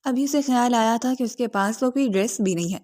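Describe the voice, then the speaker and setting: A woman narrating a romance novel in a steady, dramatic storytelling manner. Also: on the high side.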